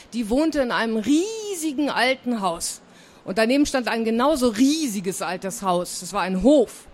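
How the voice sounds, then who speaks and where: Friendly author talking to children. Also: female voice, a little high. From northern Germany. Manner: friendly, explaining simply to children. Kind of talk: author talk and reading to a live audience.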